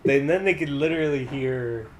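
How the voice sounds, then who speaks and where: A man's voice: medium pitch, normal speed, lo-fi sound, a loud crowd. A man on a group livestream chat, talking in a wry, self-mocking way. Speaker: team member on livestream.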